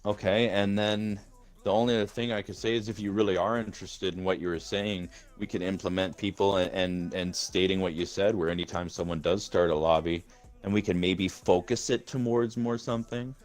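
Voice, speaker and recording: A man's voice: deep voice, fairly even intonation, brisk. A man leading a gaming group in casual voice-chat talk, rambling and swearing, restarting his words often. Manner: rambling and profane, with many restarts. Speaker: gaming community leader.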